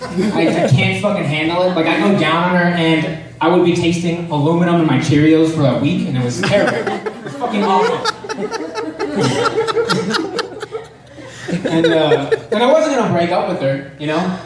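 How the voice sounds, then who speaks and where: A young man performs stand-up in a very reverberant room, heard from well back from the microphone. He rambles through his material in a halting, self-deprecating way, swearing casually. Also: a little high. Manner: profane, casual. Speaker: stand-up comedian. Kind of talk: stand-up comedy routine at an open mic. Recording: very echoey room, distant mic, faint noise.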